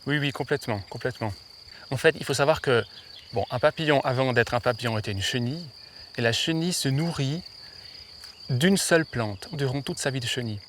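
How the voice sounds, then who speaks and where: A man's voice: mid-range voice, brisk, a bit bright. A man giving casual, conversational explanations as an expert in an outdoor interview, often repeating words as he goes. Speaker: butterfly expert guest. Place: outdoors in a meadow. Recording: faint outdoor noise, chirping insects. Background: faint insects and ambience.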